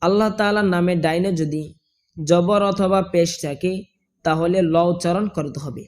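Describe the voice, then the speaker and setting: A man teaching correct recitation, explaining pronunciation rules and chanting each phrase in long drawn-out tones. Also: sits high. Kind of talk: slow pronunciation lesson with chanted examples.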